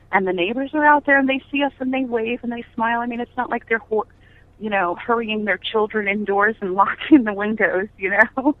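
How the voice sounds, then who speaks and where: A middle-aged woman chatting as an interview guest, telling anecdotes in an emphatic way with rhetorical questions. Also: on the high side. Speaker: podcast guest, business founder. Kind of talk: conversational interview, anecdotal storytelling. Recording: tinny phone-line audio.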